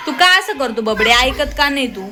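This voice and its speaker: A woman's voice: high voice, expressive, a little fast, crowd noise. A young woman with a Marathi accent, a mother scolding her small son at home in a casual family vlog, exasperated and close to tears. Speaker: mother, vlogger. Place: home, indoors. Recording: noisy home phone recording.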